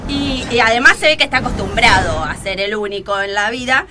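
A woman with an Argentine accent hosting a casual radio talk show, telling stories in an exasperated, animated way. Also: fairly high pitch, fairly quick, over music. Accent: Rioplatense Spanish. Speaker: radio host.

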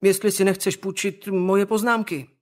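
A man's voice: high voice, level tone, voice pushed up, natural voice. A man voicing a shy, hesitant teenage boy in an audiobook. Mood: timid. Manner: hesitant, timid.

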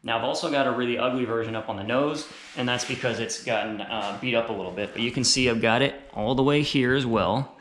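A man in his thirties casually demonstrating paddle board gear setup, talking in a relaxed way and often repeating words as he goes. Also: medium pitch, quick pace, a little hiss or hum. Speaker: outdoor gear channel host. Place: small bare indoor room. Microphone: camera on a stand across the room, later held close. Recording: very echoey bare room.

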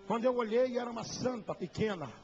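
A male pastor with a Carioca accent telling a story in an evangelistic church sermon, emphatic and bursting into shouts at the climaxes. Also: very high-pitched, a little fast, dull audio, faint music behind. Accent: Carioca Portuguese. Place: church service.

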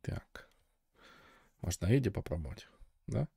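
Male gameplay commentator: low, dark voice, casual and offhand, short fragmented remarks. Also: big pitch swings, a little slow, gravelly, soft background music. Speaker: gamer, video host. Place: voice-over on game footage.

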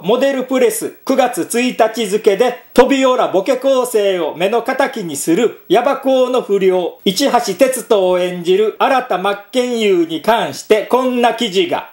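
A man with a high voice talks through his own commentary podcast in a chatty manner. He reads passages aloud and drops in little filler sounds between them. The room around him gives an echo. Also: expressive, measured pace, darkish tone. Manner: chatty, reading quotes aloud with frequent filler "un". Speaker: podcast host.

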